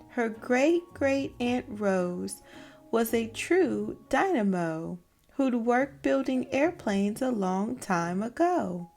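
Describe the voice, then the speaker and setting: A woman reading a children's picture book aloud with deliberate, dramatic phrasing. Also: a little high, a little mellow. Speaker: read-aloud storyteller.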